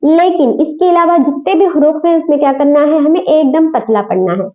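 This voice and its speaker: High-voiced woman teaching letter sounds. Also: moderate pace, soft background music. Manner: patient, repeats sounds many times for practice. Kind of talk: pronunciation lesson. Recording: dull lo-fi recording.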